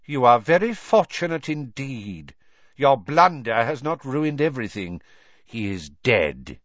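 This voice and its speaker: A cruel dark wizard, put on by a man, speaks in a cold, high, measured voice full of icy menace. His lines swoop up and down with sinister control. The audio is dull and dry, with no room sound. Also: sing-song, no room sound.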